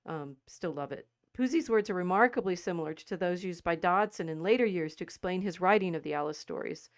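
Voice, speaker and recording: Podcast co-host, female, low smooth voice, reflective and halting, dry studio sound. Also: dry recording. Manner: thoughtful, halting, many restarts. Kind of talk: casual livestream discussion, reading quotes aloud.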